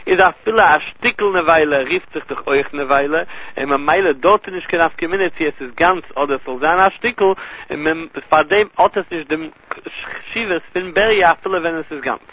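Yiddish-accented guy teaching talmud in a singsong study tune, kinda high husky voice. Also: fairly quick. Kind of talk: Talmudic lecture. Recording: tinny lo-fi phone-line audio.

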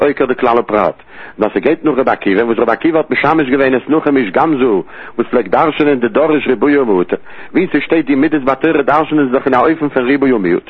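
This Talmud teacher has a medium-pitched voice with a breathy edge, and his phrases rise and fall in a sing-song study cadence as he gives his lesson. The audio sounds tinny, like a phone line.

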